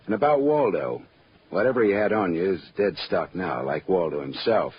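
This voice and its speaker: An actor with an American accent playing a tough, wisecracking private detective in a clipped, wry 1940s radio noir style. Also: male voice, low-pitched, expressive, moderate pace, a little hiss or hum. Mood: brusque. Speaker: lead actor and narrator. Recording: muffled old radio recording with music.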